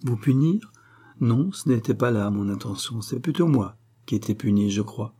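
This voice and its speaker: A man's voice: mid-range voice, expressive, moderate pace, warm tone, slightly rough. Man reading a curt, sulky young fiancé. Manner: curt, evasive.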